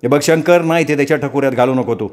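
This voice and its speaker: A man's voice: medium pitch, racing, a little mellow, lightly acted. A man voicing a stubborn, devout village man who scolds in a raised, insistent voice. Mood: scolding. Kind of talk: dramatic storytelling.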